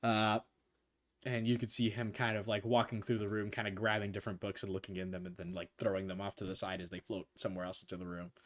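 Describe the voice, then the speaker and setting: A man's voice: fairly low pitch, little pitch movement, quick pace. A young man running a tabletop game as game master, narrating loosely with fillers and chuckles.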